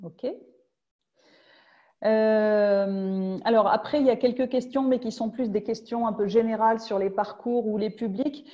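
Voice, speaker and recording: A woman's voice: a little high, fairly even intonation, measured pace, warm tone. A woman moderating a webinar, reading out the audience's questions to her guest over a video call. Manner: reads questions out, brief acknowledgements. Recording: dull lo-fi call audio.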